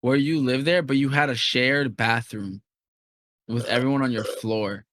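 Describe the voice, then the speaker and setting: A man's voice: medium pitch, steady tone, a little slow, a bit bright, dry recording. Laid-back young man, dry close mic. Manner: laid-back, slangy, says "bro" a lot. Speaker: podcast co-host. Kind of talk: casual chat.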